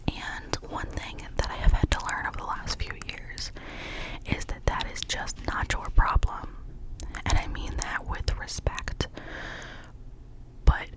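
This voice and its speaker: Recorded in low quality, an ASMR host whispers a gentle pep talk full of positive affirmations, encouraging the listener and often repeating phrases slowly.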